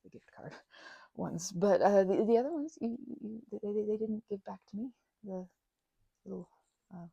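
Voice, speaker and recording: Speaking at a moderate pace with long pauses, a woman with a mid-range voice plays a flustered vampire who is timid, gentle, grateful, shy, and friendly. Her soft, breathy delivery, sometimes a whisper, is full of nervous stammering, hesitant apologies, and jittery giggles. This intimate one-sided audio roleplay has no echo, and the highs are cut off.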